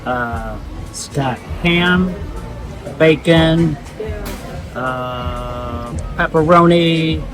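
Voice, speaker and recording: Relaxed man reviewing cruise food. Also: fairly high pitch, very slow, long pauses, music in the background, rough recording. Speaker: cruise vlogger, co-host. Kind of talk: casual vlog chat. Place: aboard a cruise ship.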